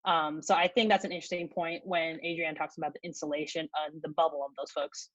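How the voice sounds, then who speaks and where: A woman's voice: low-pitched, fairly even intonation, fast talker, fairly bright tone, no room sound. A woman speaking thoughtfully in a video-call discussion, searching for her words. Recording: dry, slightly dull video-call audio.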